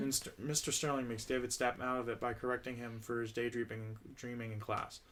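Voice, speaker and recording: A man's voice: medium pitch, brisk, a bit bright. A man reading a script aloud in a casual read-through, often stumbling over words and restarting lines. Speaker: script reader.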